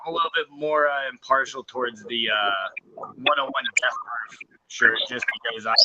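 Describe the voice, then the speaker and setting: A man's voice: medium pitch, fairly even intonation, moderate pace, a loud crowd. A man calling in on his phone without wifi, his voice muffled like it is underwater, talking loosely and rambling with plenty of swearing. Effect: muffled, underwater-sounding phone audio. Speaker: guest calling in. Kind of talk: casual chat. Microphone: phone held in hand, no wifi. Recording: muffled noisy phone line.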